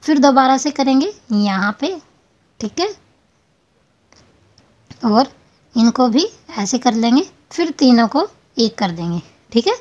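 A woman's voice: fairly high pitch, expressive, takes it slowly, long pauses, darkish tone, highs cut off. A woman hosting a crochet tutorial, explaining each step patiently and counting stitches aloud.

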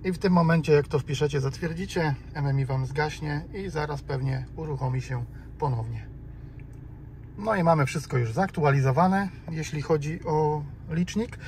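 Sitting in a car, the host of a DIY car tutorial channel, who has a Polish accent, gives a relaxed, slightly hesitant step-by-step walkthrough. His voice is a little high and a little mellow, at a moderate pace. Car ambience comes through clearly.

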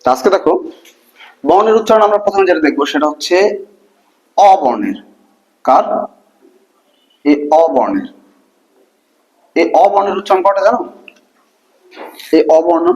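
A man teaching a grammar lesson to a class, asking many quick questions in a casual, colloquial way. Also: fairly high pitch, darkish tone, low-quality recording.

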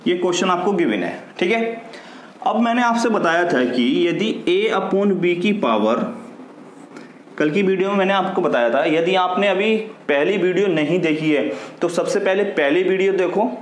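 A man's voice: high voice, expressive, moderate pace. Man teaching maths in an echoey room. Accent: Hindi. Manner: explains step by step, asks and answers his own questions. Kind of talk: classroom lesson. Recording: echoey room with faint noise.

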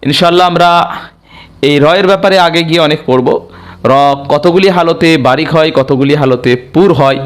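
A man teaches Quran reading in an online lesson, drawing out each Arabic letter in slow drills. His voice sits a little high and sounds smooth and resonant.

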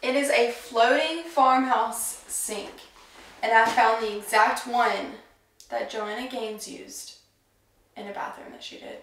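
A woman's voice: fairly high pitch, fairly even intonation, takes it slowly, fairly bright tone. Chatty young woman in echoey bare rooms. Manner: upbeat and chatty. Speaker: vlogger. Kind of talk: casual home-renovation vlog. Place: empty rooms in a house under renovation. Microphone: handheld camera.

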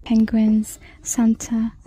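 A woman chatting through a shopping walk-through in a large store, reading out prices and sometimes dropping to a soft whisper, filmed on a handheld phone. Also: on the high side, completely flat delivery, takes it slowly, slightly rough. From United Kingdom. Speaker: shopping vlogger. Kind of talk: casual shop-with-me commentary. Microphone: handheld phone camera.

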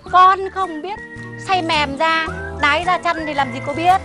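A woman's voice: extremely high pitch, fairly even intonation, normal speed, over music. An actress with a Northern Vietnamese accent playing a scolding, sarcastic elderly mother-in-law in a sitcom. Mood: lecturing. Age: older. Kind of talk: sitcom acting.

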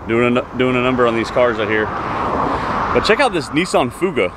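A man in his thirties, a car vlogger, talks to his viewers with casual enthusiasm in a medium-pitched voice with lively intonation at a normal speed. He's outdoors beside roadside car lots and shops. The audio comes from a handheld camera mic and carries street noise.

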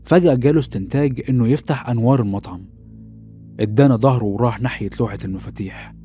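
A man's voice: mid-range voice, racing, mellow, soft background music. A man narrating a first-person horror story in an Egyptian Arabic accent, telling it dramatically.

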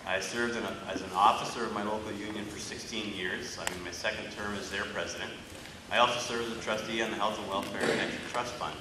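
A man's voice: lowish voice, steady tone, quick pace. A Canadian man giving an earnest prepared campaign speech, with frequent "uh" fillers. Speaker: election candidate. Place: large school gym or hall. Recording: echoey hall, far mic, noise.

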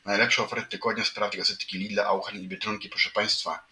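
A man's voice: fairly low pitch, level tone, a little fast. A man hosting a livestream, rambling through headlines with wry asides and constant audience address. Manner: meandering, repeats "proszę państwa", wry asides. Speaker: livestream host reading news headlines. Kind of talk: rambling live commentary on headlines. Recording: echoey room, mic at a distance, audible noise.

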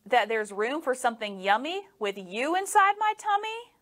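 A woman's voice: sits high, animated, normal speed, fairly bright tone. A woman reading a greedy storybook snake. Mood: sly. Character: greedy snake with a big appetite.

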